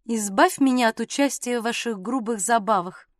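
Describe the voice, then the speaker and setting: A woman reader plays a haughty aristocratic lady from an audiobook. She speaks coldly and with disdain, holding herself apart. The voice sits high. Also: steady tone, moderate pace, darkish tone, no room sound, studio quality, close to an everyday voice. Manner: cold and disdainful.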